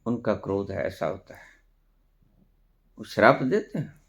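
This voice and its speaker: A man's voice: on the low side, expressive, measured pace, a bit bright. A man giving a spiritual discourse, preaching emphatically with rhetorical questions and dropping in English phrases. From India. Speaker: spiritual teacher.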